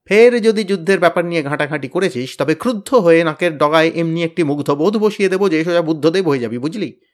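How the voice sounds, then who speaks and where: Man voicing a blustering teen boy boss, loud, raised pitch, storybook reading. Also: animated, quick pace, close to an everyday voice. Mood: bullying. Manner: loud, threatening, boastful. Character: bossy blustering teenage boy gang leader.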